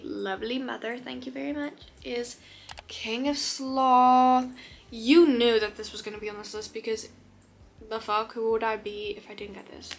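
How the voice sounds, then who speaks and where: Bubbly, high-voiced woman gushing. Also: vocal fry, a little hiss or hum. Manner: gushing, excitable, drops to whispers. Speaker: book vlogger. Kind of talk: casual chat. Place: her room. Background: faint rain.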